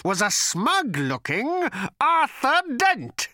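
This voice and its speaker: A man voicing a bitter, vengeful male creature who snarls and hisses slowly and with menace in an audiobook. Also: very high voice, huge pitch swings, pushed and bright, no room sound, clean studio sound, pitched above the performer's own voice, exaggerated voice. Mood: menacing. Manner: snarling, hissing, slow and menacing. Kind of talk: audiobook character voice.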